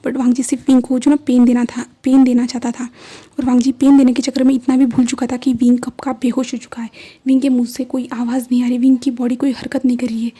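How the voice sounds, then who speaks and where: A woman narrating a fan fiction story in Hindi-English, in a soft, often whispered voice. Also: high-pitched, level tone, fast talker, husky.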